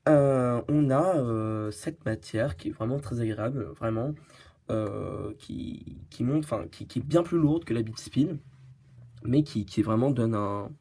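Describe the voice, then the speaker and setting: A man's voice: medium pitch, warm tone, slightly rough. A man hosting a casual product review, hesitant and full of fillers and restarts, joking at his own expense. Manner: hesitant, many fillers and restarts, giggly and self-mocking. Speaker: host of a tech review channel.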